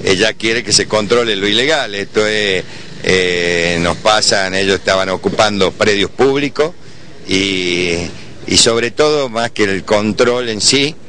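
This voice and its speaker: A middle-aged man with an Argentine accent answers reporters as a municipal official, explaining things in a halting, measured way. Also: lowish voice, sharp tone. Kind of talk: press interview answers. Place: outdoors on a city street. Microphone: reporters' handheld microphones held close.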